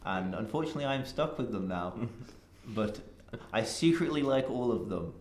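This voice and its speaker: A man's voice: mid-range voice, lively intonation, moderate pace, a little mellow, slight background noise. A teenage boy co-hosting a school podcast, earnest and careful when giving a trigger warning. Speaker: podcast co-host. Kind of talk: casual chat. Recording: echoey room.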